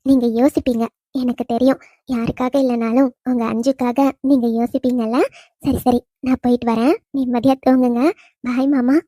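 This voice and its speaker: A woman voicing the gentle, teasing spirit of a young wife in a cartoon, talking with affection to her husband. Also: on the high side, level tone, moderate pace, dry recording, clean studio sound, close to an everyday voice. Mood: tender teasing. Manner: affectionate teasing, soft laughs. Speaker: dead wife visiting husband. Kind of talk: cartoon voice acting.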